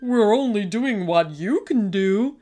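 A woman's voice: medium pitch, lively intonation, slow pace, mellow, faint music behind. A woman voicing a matter-of-fact male snow tiger in a children's storybook. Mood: puzzled.

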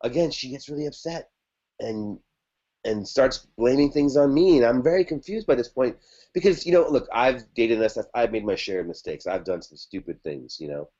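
In lo-fi sound, a man with a medium-pitched, dark voice tells a podcast host about an old relationship at a normal speed. It's a loose, conversational ramble, packed with fillers and false starts.

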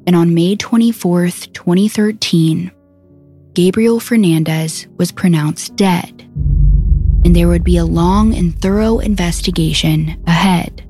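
A woman narrating a true crime story in a somber, measured way. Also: fairly low pitch, mellow, faint music behind. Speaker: podcast narrator. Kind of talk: scripted narration.

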